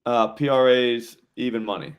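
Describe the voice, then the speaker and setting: A man's voice: medium pitch, fairly even intonation, moderate pace, lo-fi sound. Laid-back man hosting a betting stream. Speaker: sports betting show host. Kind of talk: casual live-stream chat.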